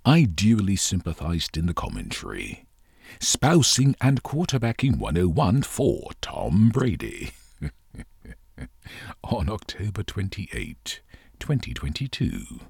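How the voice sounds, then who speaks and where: A man's voice: low-pitched, wildly swooping pitch, slow, gravelly, a little mellow, slightly rough, no echo, studio quality. A man hosting a podcast, reading a scripted opinion commentary in wry, wordy, formal language. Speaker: podcast host.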